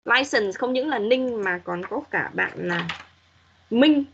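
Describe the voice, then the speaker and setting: A woman's voice: on the high side, expressive, slow, creaky, fairly bright tone, lo-fi sound, a little hiss or hum. A woman English teacher giving patient, corrective feedback to students in an online class, modeling pronunciation as she goes.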